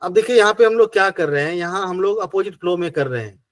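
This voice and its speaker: High-voiced man teaching with a Hindi accent. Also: fast talker, a bit bright, no echo. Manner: patient, step-by-step, repeating rhetorical questions. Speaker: acupressure teacher. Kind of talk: online class explanation.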